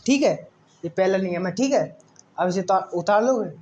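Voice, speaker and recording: A man's voice: sits high, lively intonation, moderate pace, mellow, dull audio. A man teaching a science lesson, often repeating words and asking the class questions. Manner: repetitive, asks the class questions.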